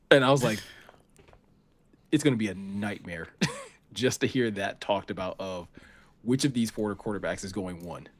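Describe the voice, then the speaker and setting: A man co-hosting a casual sports podcast, animated and quick to laugh, with lots of filler words. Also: on the low side.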